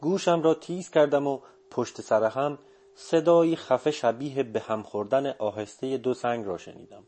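A man narrating a story in a calm, measured reading voice. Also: mid-range voice. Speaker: audiobook narrator. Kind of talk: scripted narration.

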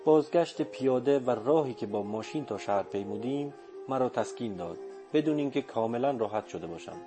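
A man narrating an audiobook in the first person, with measured, reflective storytelling. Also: mid-range voice, lively intonation, music in the background.

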